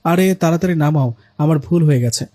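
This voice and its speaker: A man's voice: a little high, fairly quick, dark tone, dry recording, studio quality, lightly acted. A man voicing a dramatic, scheming young woman in a spoken Bengali ghost story. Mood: panicked.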